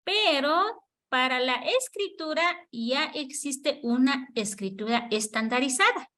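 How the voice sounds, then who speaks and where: A woman's voice: high voice, lively intonation, unhurried, sharp tone. A woman teaching an online Kichwa class, patiently repeating words for the students to echo. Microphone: video call.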